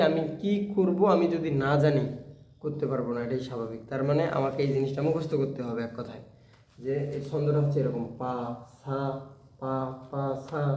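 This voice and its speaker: A man's voice: mid-range voice, warm tone, a little hiss or hum. A man giving a patient step-by-step instrument lesson, chanting rhythm syllables aloud as he plays. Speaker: music teacher. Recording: echoey room with plucked strings.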